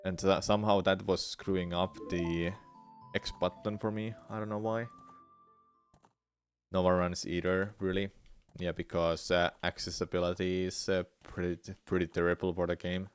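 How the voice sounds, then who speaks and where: A man's voice: low-pitched, little pitch movement, normal speed. A man talking casually as a speedrunner on a livestream, giving offhand, half-distracted replies while he plays. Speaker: speedrunner streaming live game attempts. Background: music.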